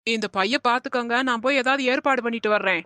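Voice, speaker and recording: A high-pitched, earnest young woman in a cartoon comedy. She is naive and full of schemes, pleading and eager. The sound is dry and close. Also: quick pace, sharp tone, no room sound. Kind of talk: animated comedy voice acting.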